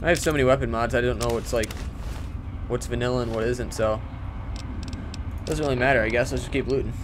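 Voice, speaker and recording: A man giving casual let's-play commentary, chatty and easily spooked, who yells and swears when fights get tense. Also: mid-range voice, fairly even intonation, a little fast, background noise.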